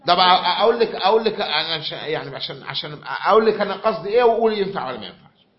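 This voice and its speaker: High-voiced Egyptian man lecturing a class. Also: lively intonation, very fast. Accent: Egyptian Arabic. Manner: repeats himself and quizzes the class. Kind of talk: classroom lecture with questions to students. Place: lecture room. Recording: dull lo-fi recording.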